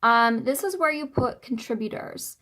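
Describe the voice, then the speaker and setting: A woman's voice: fairly high pitch, lively intonation, moderate pace, sharp tone, low-quality recording. A woman in her thirties talking in a chatty, informal way as she hosts a how-to video, recorded at home on a camera's built-in mic. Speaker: self-publishing author and video host. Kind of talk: casual how-to tutorial. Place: small furnished room at home. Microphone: camera's built-in microphone, no external mic.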